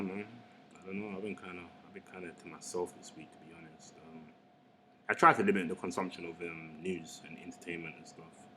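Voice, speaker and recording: A man's voice: sits low, sharp tone, a little hiss or hum. A young Englishman, chatting casually and rambling with lots of slang while he works on a digital painting. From England. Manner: laid-back, slangy, rambling. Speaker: artist. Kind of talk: casual chat while drawing.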